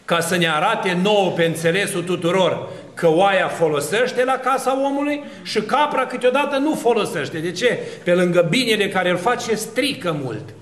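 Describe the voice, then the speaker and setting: A man's voice: high-pitched, fairly bright tone, roomy sound. A man preaching an Orthodox sermon, asking rhetorical questions and building long spoken lists. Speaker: Orthodox priest.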